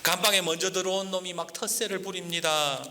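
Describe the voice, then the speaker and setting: A male pastor preaching a storytelling sermon, lively and acting out the voices of the people in his story. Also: sits high, brisk. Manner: lively, acts out quoted voices. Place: church sanctuary. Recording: church hall reverb, faint hiss.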